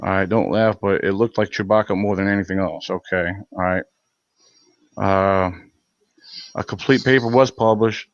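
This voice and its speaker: A man's voice: deep voice, fairly even intonation, moderate pace, dry recording, highs cut off. Blunt, heated man on a live stream. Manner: blunt, heated, many fillers and restarts. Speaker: channel host reading live chat.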